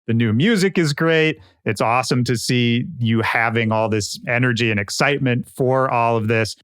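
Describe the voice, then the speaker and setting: A man's voice: mid-range voice, normal speed, fairly bright tone, clean tone, no room sound. Enthusiastic male podcast host, dry mic. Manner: enthusiastic, chatty, rambling questions. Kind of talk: casual interview chat.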